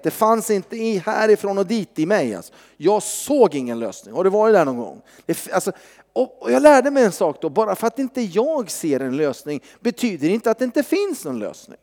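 High-voiced preacher in a hall. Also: male voice. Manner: animated, conversational, frequent tag questions. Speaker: pastor. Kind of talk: sermon with personal testimony.

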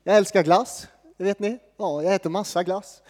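A man preaches in a loose, joking way, often pausing mid-thought. His voice sits fairly high but sounds warm and mellow, with a long reverb that fills a church. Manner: casual, joking, with many pauses and fillers. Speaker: pastor. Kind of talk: sermon.

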